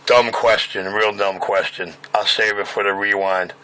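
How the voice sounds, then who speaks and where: Guy on a mistuned cb radio, off frequency, lowish voice, tons of static, just rambling and joking on the channel. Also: level tone, normal speed. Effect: off-frequency CB radio transmission. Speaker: CB radio operator. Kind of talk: casual CB radio banter. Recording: heavy static over CB radio.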